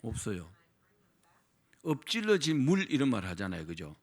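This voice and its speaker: A man's voice: mid-range voice, wildly swooping pitch, moderate pace. A man preaching a sermon as pastor, asking the congregation questions and having them repeat phrases after him.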